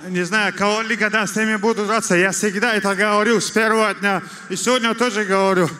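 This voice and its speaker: Male fighter in post-fight interview, really high bright tense voice, short sentences. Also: fairly even intonation, fast talker. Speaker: professional fighter.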